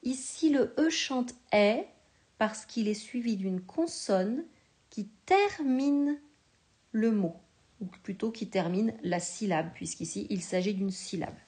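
A woman teacher giving a slow, patient spelling lesson to a young child, sounding out each syllable with care. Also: mid-range voice, lively intonation, a little mellow.

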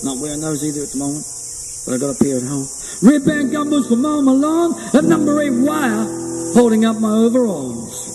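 A man's voice: extremely high pitch, big pitch swings, a little fast, mellow. A man with a broad New Zealand Kiwi accent giving chatty, colloquial, folksy stage patter into a microphone as a musician. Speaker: musician entertainer. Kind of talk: folksy stage patter between sung lines. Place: outdoors on a hilltop above the sea. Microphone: microphone on a stand. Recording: outdoor mic with long reverb and music behind. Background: guitar music.

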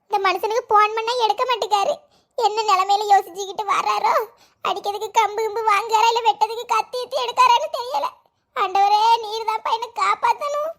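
A woman's voice: steady tone, fairly quick, fairly bright tone. A woman voicing an anxious, chattering young village mother in a cartoon, with a Kanyakumari Tamil accent. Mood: worried. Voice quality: high, worried, talkative. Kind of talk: cartoon voice acting.

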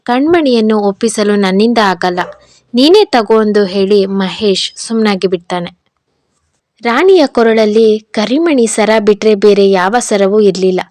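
A woman narrating a family story in a calm, even storytelling voice, putting a little life into the quoted lines. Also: medium pitch, no room sound. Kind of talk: scripted story narration with acted dialogue.

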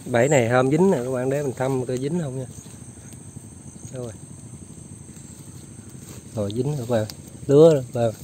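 A man's voice: mid-range voice, moderate pace, pauses often, a little mellow, a little hiss or hum. Chatty man outdoors by flooded fields. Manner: chatty, keeps addressing viewers. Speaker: outdoor fishing and trapping vlogger. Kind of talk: casual narration to viewers while working.

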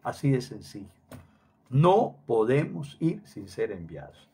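A man's voice: mid-range voice, big pitch swings, a little slow, dark tone, husky. A middle-aged man preaching a sermon emphatically, repeating phrases for stress and dropping Hebrew words into his talk.

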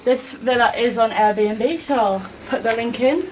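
A woman's voice: a little high, measured pace. A young woman chatting playfully as she gives a casual vlog tour, picked up by a camera a few steps away. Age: young adult. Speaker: vlogger giving a villa tour. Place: walking around a holiday villa, indoors and by the pool. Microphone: camera held by another person a few steps away. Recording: echoey rooms, noisy handheld camera audio.

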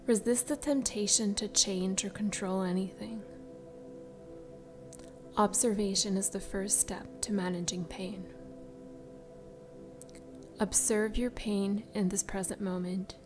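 Soft, whispery woman guiding meditation, slow. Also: medium pitch. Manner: soft, breathy, soothing spa voice trailing into whispers. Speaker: meditation guide. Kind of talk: slow guided meditation narration. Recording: music behind the voice. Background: background music.

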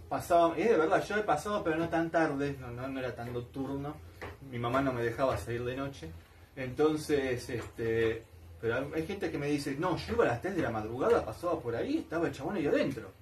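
A man's voice: a little high, distant mic, slight background noise. A man with an Argentine accent, rambling casually and nostalgically as a collector vlogger. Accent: Argentine Spanish. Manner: colloquial, nostalgic, repeats himself.

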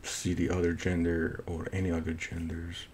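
A middle-aged man from Iran with a thick Persian, Middle Eastern accent, giving a casual movie review in a halting way, searching for words. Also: monotone, darkish tone. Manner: halting, searching for words with repeated false starts. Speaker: film reviewer. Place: small home office, indoors. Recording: noisy room recording with low rumble.

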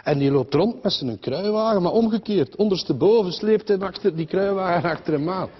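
A man's voice: high-pitched, animated, fairly quick, husky, dull audio. A man with a Flemish accent telling a comic story in a rambling, chatty way, full of fillers and voices of the people in it. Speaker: comedian.

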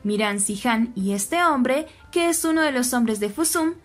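Over faint background music, a woman narrates a scripted soap opera recap, telling the story steadily and giving quoted lines only a slight lift. Her voice is a little high, and she keeps a measured pace.

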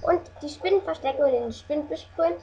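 Brief: young woman, high voice, laid-back let's-play commentary, dull lo-fi audio. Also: quick pace, dark tone. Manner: reads game dialogue aloud, hesitant fillers. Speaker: let's player. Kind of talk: casual gameplay commentary. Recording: dull lo-fi recording.

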